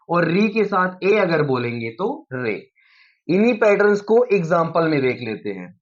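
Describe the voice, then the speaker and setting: A man teaching a grammar lesson in a fairly high voice, sounding out each vowel slowly and patiently. The recording is muffled and lo-fi. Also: fairly bright tone. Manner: repeats sounds aloud, slows down to spell out examples. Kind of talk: explaining a lesson at a board.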